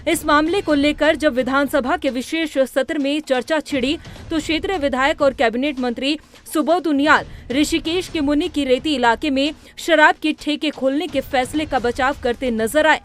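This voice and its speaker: ऊँची आवाज़ वाली महिला समाचार वाचक. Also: female voice, high-pitched, moderate pace, fairly bright tone, soft background music. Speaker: news reporter. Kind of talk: scripted news narration.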